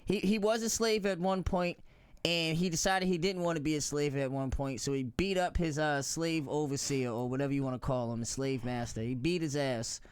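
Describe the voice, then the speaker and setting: A man's voice: fairly high pitch, fairly even intonation, normal speed, clear, resonant tone, dry recording. A man in his thirties co-hosting a radio podcast, casual chat in laid-back slang that rambles into stories.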